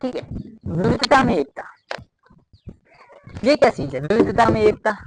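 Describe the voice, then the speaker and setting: A man's voice: high-pitched, animated, moderate pace, slight background noise, poor audio. A man from Rajasthan, teaching a casual classroom lecture at a blackboard and repeating his points with many fillers. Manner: repetitive, explains with many fillers. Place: room with a blackboard.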